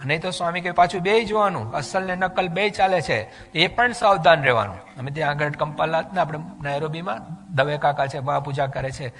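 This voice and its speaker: A man delivers a devotional discourse in a lively, storytelling manner, with English phrases mixed in. His voice sits a little high and sounds bright and forceful. A long hall reverb trails behind every phrase. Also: fairly quick. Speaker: religious speaker giving a discourse. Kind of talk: devotional sermon.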